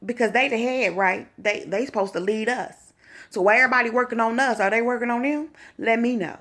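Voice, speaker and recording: A woman's voice: a little high, fairly quick, a bit bright. A young woman in a sassy, conversational opinion vlog, speaking. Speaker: vlogger.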